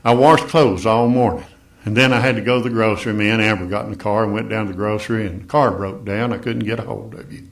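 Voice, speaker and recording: A man's voice: on the low side, fairly even intonation, fast, natural voice. A fed-up wife's rant, as a man tells it. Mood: exasperated. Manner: storytelling rant, listing troubles. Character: weary wife at her wits' end.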